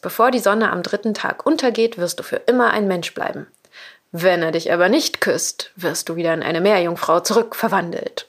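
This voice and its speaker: A woman voicing a sly, scheming sea witch, slow and gloating as she sets her terms. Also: on the low side, breathy edge.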